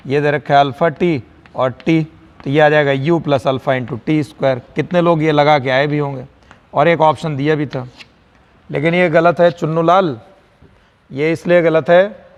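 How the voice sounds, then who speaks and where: Male physics teacher, slightly higher voice, slow word-by-word dictation, reverberant room. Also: highs cut off. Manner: dictates slowly word by word, motivational asides. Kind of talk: online lecture.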